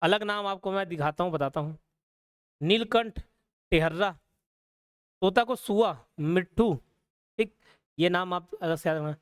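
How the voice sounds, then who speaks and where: A man's voice: high-pitched, measured pace, pauses often, clean tone. A young adult man teaching a live online class, explaining casually and checking in with listeners with a frequent "okay?". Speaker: online exam-prep teacher.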